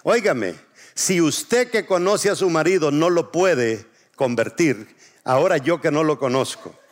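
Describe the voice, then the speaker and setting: Male pastor preaching, has folks repeat after him, stretches words out, voice on the higher side. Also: lively intonation. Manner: call-and-response preaching, drawn-out emphasis. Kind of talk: sermon.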